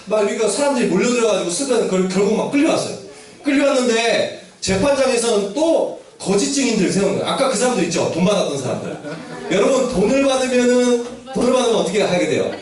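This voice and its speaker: A man's voice: high-pitched, far from the mic. A man telling a Bible story to children as their Sunday school teacher, asking them questions and acting out the characters' lines. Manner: asks children questions, acts out quotes. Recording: very echoey room, voice from afar.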